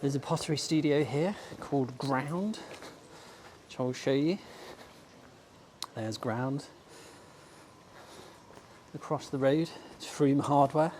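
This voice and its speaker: In a casual walking-tour vlog, an English bookshop owner and vlogger speaks slowly with long pauses, his mid-range voice a little mellow and slightly worn. He's chatty and enthusiastic, full of ums, filming himself on a handheld camera up a sunny shopping street. There's a little hiss or hum, along with faint outdoor street ambience.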